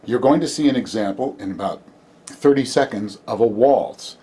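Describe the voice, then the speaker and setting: A man's voice: medium pitch, moderate pace, warm tone, slightly rough. A man giving a patient, step-by-step video music lesson on the theremin, sounding out rhythms as sung syllables. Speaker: theremin teacher.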